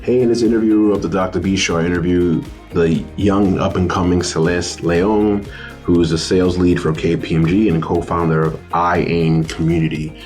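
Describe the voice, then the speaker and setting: A middle-aged man hosting an interview show, his voice sitting fairly low. He talks in an upbeat, enthusiastic way and keeps repeating words of praise. It is relaxed, casual interview chat. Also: normal speed, soft background music. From United States. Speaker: podcast host.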